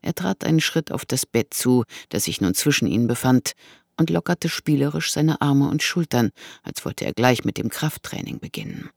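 An audiobook narrator reading a thriller with expressive storytelling. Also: moderate pace, creaky, no room sound, clean studio sound. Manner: expressive storytelling with lively pitch.

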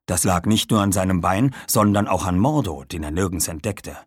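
Male audiobook narrator; animated, dramatic reading, husky tone. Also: low voice, normal speed, no echo, studio quality. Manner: lively, dramatic storytelling.

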